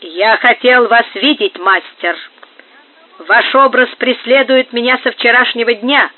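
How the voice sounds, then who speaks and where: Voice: mid-range voice, unhurried, close to an everyday voice. The reader voicing a huge male visitor who speaks insistently and secretively, in an audiobook. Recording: narrow phone-like sound.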